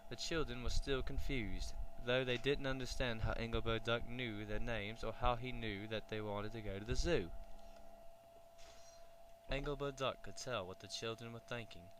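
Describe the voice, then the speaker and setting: A man narrating a children's storybook in a clear, even storytelling way, with a faint hum. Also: medium pitch, moderate pace.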